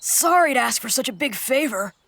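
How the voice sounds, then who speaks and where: A woman voicing a spirited, earnest and determined young boy card fighter in an animated series. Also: high voice, brisk, vocal fry, a little hiss or hum, heavily acted.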